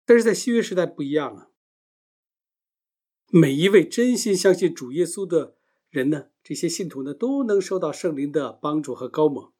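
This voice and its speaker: A man teaches a Bible lesson in a voice pitched a little above the usual male range. He lays out his points step by step, often posing a question and then answering it. His loudness rises and falls as he moves nearer to the mic and away from it. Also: lively intonation, normal speed.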